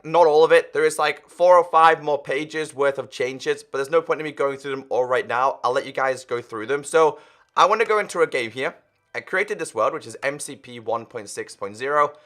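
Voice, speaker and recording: A man presenting a game update walkthrough in a lively, chatty way, his voice husky because he is losing it. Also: mid-range voice. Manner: upbeat, quick, chatty. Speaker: gaming YouTuber.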